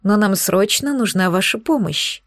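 A woman's voice: mid-range voice, expressive, moderate pace, dry recording, clean studio sound, lightly acted. A woman voicing a pleading young woman. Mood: polite. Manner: soft, imploring.

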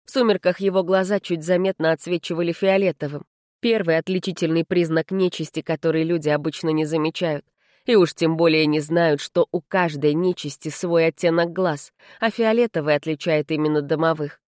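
A woman narrating a fantasy audiobook in a measured, even way. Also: low-pitched, no echo, clean studio sound. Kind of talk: scripted narration.

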